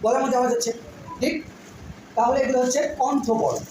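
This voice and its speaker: A woman's voice: high voice, expressive. Female teacher, patient drilling delivery, recorded in a very echoey room with audible background noise. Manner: patient, repeats sounds slowly, checks understanding often. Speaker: school teacher. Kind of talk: classroom phonetics lesson.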